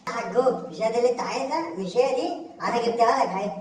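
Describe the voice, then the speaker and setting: A woman's voice: fairly high pitch, distant mic, close to an everyday voice. A woman with an Egyptian accent playing a cheeky, lazy young son in a comedy sketch, whining and talking back. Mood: boastful. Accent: Egyptian Arabic. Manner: cheeky, whiny, talks back fast. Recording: very echoey room, off-mic.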